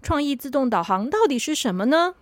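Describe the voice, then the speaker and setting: A woman narrating a children's story in an animated, expressive way. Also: high voice, fairly quick, no echo.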